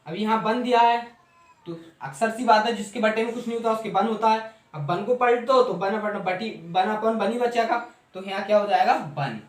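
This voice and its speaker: A math teacher explains a trig table in Hindi in a classroom, going step by step, repeating steps, and asking questions he then answers himself. He speaks at normal speed in a high voice, in an echoey room.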